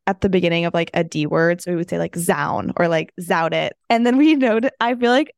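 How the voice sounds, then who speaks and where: A young woman co-hosting a casual podcast, with vocal fry, rambling with many "like" fillers. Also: on the low side, animated, quick pace, a little mellow, no room sound, clean studio sound. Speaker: co-host. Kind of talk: casual chat.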